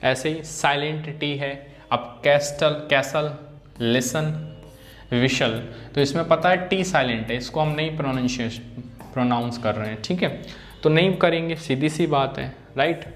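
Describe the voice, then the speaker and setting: A man's voice: on the high side, moderate pace. A man teaching an English phonics lesson, repeating example words and often checking in with his students.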